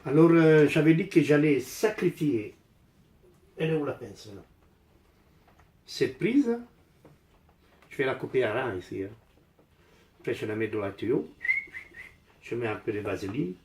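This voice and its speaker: Lively in intonation yet a little slow, with long pauses, his medium-pitched voice is slightly mellow. This older Italian amateur DIY vlogger rambles in Italian-accented French while repairing, blunt and casual, repeating phrases for emphasis, in a roomy, echoing space.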